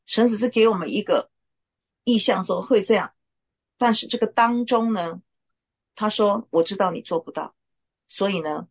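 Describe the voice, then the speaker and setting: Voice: mid-range voice, vocal fry, husky. A Bible study leader giving an informal sermon, talking conversationally with frequent filler particles.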